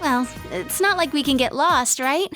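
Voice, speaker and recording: A woman voicing a shy, gentle teenage schoolgirl in a video game, speaking softly and earnestly. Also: high voice, moderate pace. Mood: wistful. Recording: game audio with background music.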